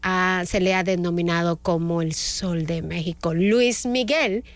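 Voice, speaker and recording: A woman's voice: fairly low pitch, steady tone, unhurried, no echo. Chatty Dominican woman radio host. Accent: Dominican Spanish. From Dominican Republic. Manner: warm and chatty, with fillers and self-corrections. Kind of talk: morning radio presenting.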